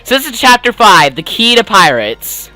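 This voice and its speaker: A man's voice: high voice, big pitch swings, moderate pace, sharp tone. A man giving casual let's play commentary, rambling and joking with lots of filler words. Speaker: gameplay commentator. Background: game music.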